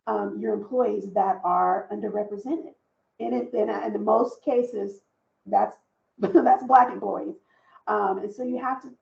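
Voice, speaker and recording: A woman's voice: mid-range voice, creaky, echoey room, lo-fi sound. A woman speaking on a panel about workplace belonging, telling stories in an earnest, emphatic way and repeating her points, over a video call. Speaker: panelist, diversity and inclusion leader. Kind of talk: conversational panel discussion.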